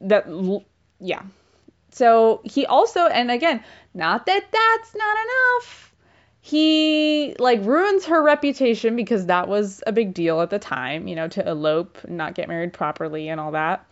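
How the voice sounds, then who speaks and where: A woman's voice: medium pitch, animated, normal speed, lo-fi sound. A young woman giving a casual book summary, chatty and irreverent, full of filler words and slang.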